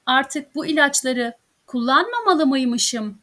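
A woman teaching grammar, working through verb conjugations one by one with careful, deliberate articulation. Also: high-pitched, expressive, sharp tone. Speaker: Turkish language teacher. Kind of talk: slow, careful grammar drill reading.

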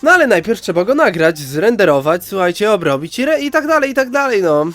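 A man's voice: high-pitched, very animated, brisk, fairly bright tone, no room sound. A man with a congested, nasal voice from a head cold, chatting casually to viewers as he hosts gaming commentary. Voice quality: nasal, stuffed-up voice. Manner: chatty, addresses viewers directly. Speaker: gaming video host. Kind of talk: casual let's-play commentary.

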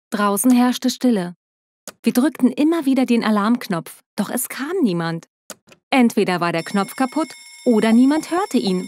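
A woman's voice: fairly high pitch, a little mellow. A young woman telling a first-person story in dramatic, emotive scripted narration on a close mic.

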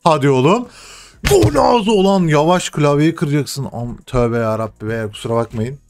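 Excitable young man commentating his own game. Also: on the high side, moderate pace, soft background music. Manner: excitable, swears and shouts at the game. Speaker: gaming streamer. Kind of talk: live gameplay commentary.

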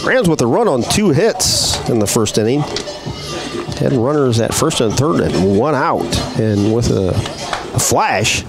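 Lively baseball play-by-play man. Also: mid-range voice, measured pace, over music. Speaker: play-by-play announcer. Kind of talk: live baseball commentary.

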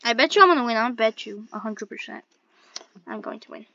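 High-pitched, excitable woman streaming a game. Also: fairly quick, gravelly, no room sound, highs cut off. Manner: excitable, exclaiming and muttering to herself as she plays. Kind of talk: casual gameplay commentary.

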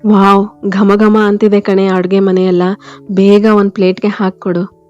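A teasing, affectionate young husband, as a woman storyteller reads him, scolding gently in a flat, mellow voice. Dull lo-fi sound with faint music underneath. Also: mid-range voice, unhurried, dry recording, natural voice. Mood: playful.

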